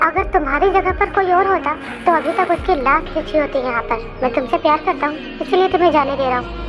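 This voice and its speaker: A woman's voice: sits high, fairly quick, music in the background, lightly acted. A woman voicing a young man who coldly threatens and rejects his former lover, in a fan storybook reading. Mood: cold fury. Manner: cold, threatening.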